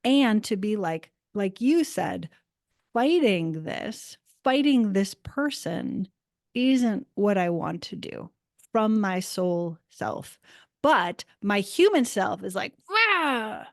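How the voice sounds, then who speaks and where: A woman talks through her work and her everyday stories in a relaxed interview. Her delivery is reflective but animated, full of casual "like"s. The recording is close and dry, with no room sound. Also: mid-range voice, slow, vocal fry, no room sound. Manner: reflective, animated storytelling with frequent "like". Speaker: guest, Akashic Records practitioner.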